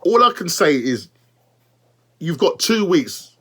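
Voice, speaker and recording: Young man, exasperated fan rant, slightly high voice, repeats himself, close mic. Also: takes it slowly, husky. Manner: exasperated, animated, repeats himself, talks to the manager directly. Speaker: football fan channel host. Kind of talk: fan match review rant.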